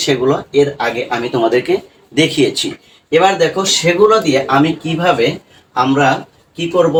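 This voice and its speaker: Far from the mic and captured in poor audio with a little hiss or hum, a man with a slightly high voice gives an English reading lesson. He treats viewers as students, posing questions and then answering them, frequently tacking on "right?".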